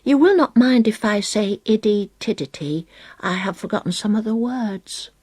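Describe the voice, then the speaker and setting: A woman voicing a cheerful, bold little female pig in a storybook reading, speaking brightly with a husky edge and a lively, rising voice. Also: mid-range voice, normal speed, no echo, pitched above the performer's own voice. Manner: bright, chirpy, demanding.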